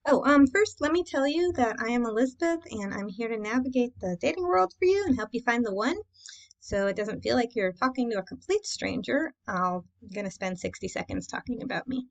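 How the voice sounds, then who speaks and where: A woman's voice: fairly high pitch, expressive, fairly quick, creaky, low-quality recording. A woman coaching in a casual, chatty presentation, talking informally to her audience with rhetorical questions and frequent check-ins. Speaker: dating coach and class host. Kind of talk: casual instructional presentation to camera.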